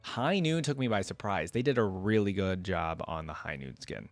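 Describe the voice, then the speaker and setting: A man with a deep, expressive voice hosts a reaction video, chatting informally and enthusiastically as a fan at a normal speed and reading wiki text aloud between his comments. The recording is dry, with soft background music.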